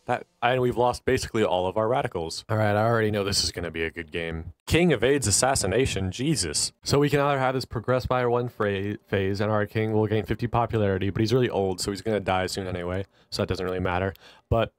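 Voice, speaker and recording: Man, lowish voice, stuffy nasal from allergies, chatty wry game commentary. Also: fast talker. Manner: chatty and wry, thinking aloud while playing. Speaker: gaming channel host. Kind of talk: casual strategy game commentary.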